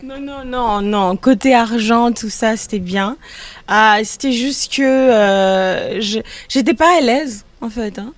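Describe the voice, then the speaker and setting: A woman's voice: on the high side, slow pace, dry recording. A young woman from Congo, a singer, answers interview questions in a casual way. She hesitates a lot, filling gaps and restarting her sentences as she looks for words. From Democratic Republic of the Congo. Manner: hesitant, many fillers and restarts.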